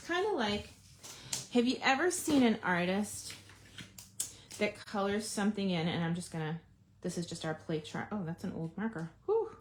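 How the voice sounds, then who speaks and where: A chatty woman leads a relaxed live craft demonstration. She talks straight to her viewers and thinks aloud as she works, in an easy, mid-pitched voice. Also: normal speed, slight background noise. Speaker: card-making demonstrator. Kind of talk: casual live craft demo.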